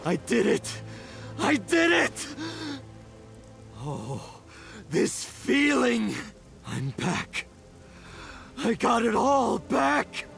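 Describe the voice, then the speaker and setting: A man acting a gruff, excitable detective in a video game, with a gravelly voice. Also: very high voice, very slow, pauses often, full character voice. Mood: elated. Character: gruff, excitable adult male detective with artificial eye. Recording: game music behind the voice.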